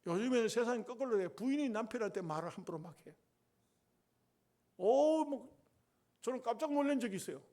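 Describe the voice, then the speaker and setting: A male pastor, preaching a sermon with emphatic, drawn-out phrases and folksy humorous asides. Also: very high voice, lively intonation, warm tone.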